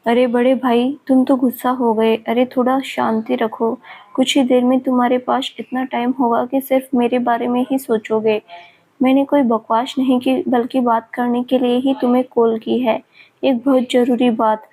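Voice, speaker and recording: A woman's voice: fairly high pitch, flat delivery, normal speed, dark tone, slight background noise, natural voice. A woman reading as a mocking male villain. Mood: taunting. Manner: mocking and leering. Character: taunting, sleazy male villain escaped from an asylum.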